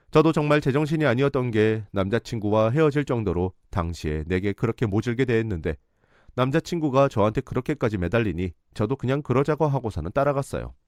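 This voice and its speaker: A man giving scripted narration of a story in a steady, recounting way. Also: lowish voice, brisk, dry recording, clean studio sound.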